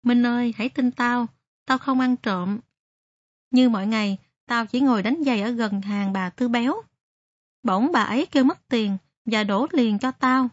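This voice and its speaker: A woman's voice: fairly high pitch, normal speed, no room sound, lightly acted. A woman voicing a loyal, tearful homeless teenage boy who shines shoes, reading his letter earnestly. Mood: pleading. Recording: dry, slightly muffled recording.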